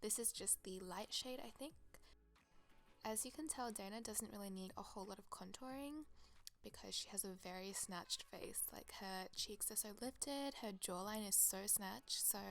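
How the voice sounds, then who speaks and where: Her voice a little crackly from a cold, a young makeup artist chats excitedly through a tutorial voice-over, recommending products as she goes. She speaks in a mid-range, fairly bright voice at a moderate pace.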